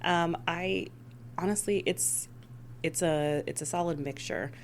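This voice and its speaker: An American emergency dispatch supervisor with ties to Missouri and Rhode Island takes her time answering an interviewer in a casual, conversational way. Her pitch is fairly low, and there's a little hiss or hum in the recording.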